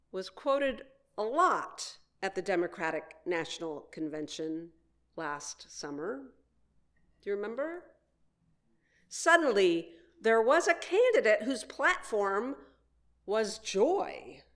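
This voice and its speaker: A woman minister with a medium-pitched voice delivers a prepared sermon, speaking in measured, deliberate phrases broken by frequent pauses.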